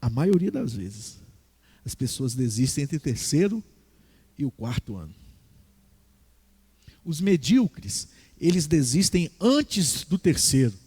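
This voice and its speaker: A man preaching a sermon as a pastor in a church, animated, acting out the voices in his teaching. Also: a little high, slow pace, long pauses, husky.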